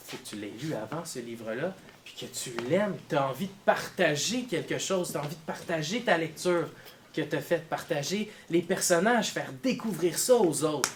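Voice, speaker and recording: A man's voice: a little high, normal speed, slight background noise. A man teaching a class of children, asking them questions as he goes. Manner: lively, questioning pupils.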